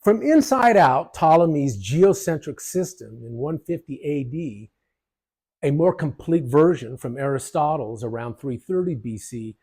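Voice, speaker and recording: Lively man narrating a history lesson. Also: a little high, husky. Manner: lively, jokey explanations with asides. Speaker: history channel presenter.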